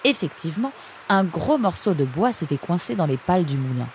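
A woman narrating a children's storybook with an expressive, measured reading. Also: lowish voice, a little hiss or hum.

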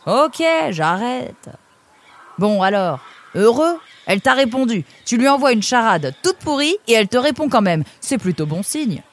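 A woman's voice: on the high side, very animated, pitched above the performer's own voice. A woman voicing a cheeky male friend who teases and cheers up his pal. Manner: cheeky, encouraging, quick. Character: teasing, upbeat male best friend.

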